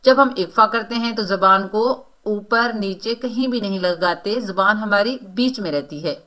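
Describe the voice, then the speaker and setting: Woman with teaching quran recitation, bright voice, breaks down every sound slowly. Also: medium pitch. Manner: explains rules step by step, then recites words slowly and drawn out. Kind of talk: tajweed lesson, explaining and reciting.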